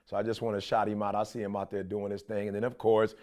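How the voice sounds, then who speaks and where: A man's voice: lowish voice, little pitch movement, fast talker, a little mellow. A man co-hosting a podcast in casual, bantering chat, informal and prone to repeating his phrases. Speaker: podcast co-host.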